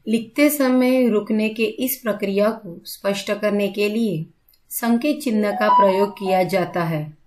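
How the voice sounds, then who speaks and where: A woman teaching a school grammar lesson at an unhurried, deliberate pace. She speaks clearly and patiently, stopping to repeat each example sentence. Her pitch sits in a middle range. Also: darkish tone.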